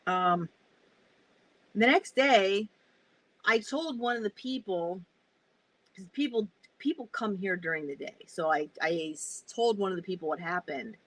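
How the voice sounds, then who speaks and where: A woman's voice: medium pitch, a little slow, poor audio. Lady vlogging from a camper, telling a story, swears a lot, acts out what she said. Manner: animated, swears a lot, acts out her reactions. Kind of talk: casual storytelling. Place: inside a camper.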